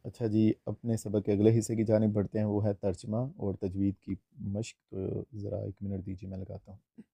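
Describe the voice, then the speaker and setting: A man teaching Quran recitation, reciting each phrase very slowly and clearly for students to repeat, then explaining quickly. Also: on the low side, level tone, dark tone, dry recording, muffled recording. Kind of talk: patient tajweed lesson, call-and-repeat.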